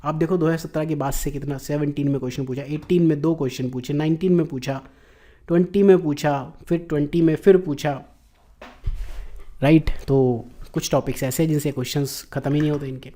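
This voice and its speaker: A middle-aged man with an Indian accent, lecturing on exam questions and slowing down to read each question out. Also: on the high side, steady tone, dark tone. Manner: explanatory, slows down to read English question text. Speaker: exam coaching teacher.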